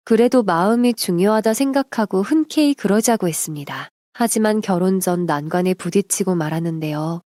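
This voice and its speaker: Mellow-voiced woman narrating a story. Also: medium pitch, no echo, studio quality. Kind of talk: scripted narration of a submitted life story.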